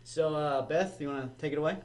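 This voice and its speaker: A man hosting a casual business podcast, relaxed and asking questions with plenty of fillers. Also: a little high, quick pace. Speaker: podcast host.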